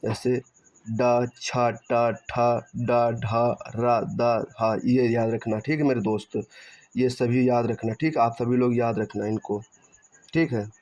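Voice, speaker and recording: A man with a mellow, dark-toned voice takes students through Hindi grammar, repeating each rule and asking and answering his own questions. He stretches syllables slowly when spelling sounds out. The recording is dull and muffled. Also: medium pitch, fairly even intonation. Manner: repetitive, asks and answers his own questions, checks with "theek hai". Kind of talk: online grammar lesson.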